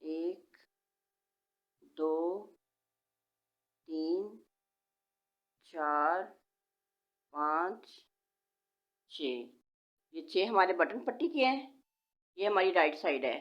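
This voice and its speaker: Speaking very slowly with long pauses, a woman with a fairly low, animated voice patiently gives step-by-step knitting instructions and counts stitches aloud. She hosts a knitting tutorial, and a sore throat has slightly changed her voice. It's a dull, lo-fi home recording.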